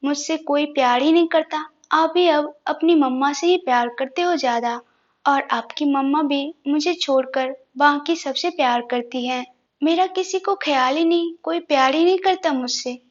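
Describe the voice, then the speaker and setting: A woman's voice: high voice, normal speed, close to an everyday voice. A woman voicing a playful, affectionate young father who coaxes and mock-sulks with his little son. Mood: playfully whiny. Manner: coaxing, mock-sulking, affectionate. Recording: dull lo-fi recording.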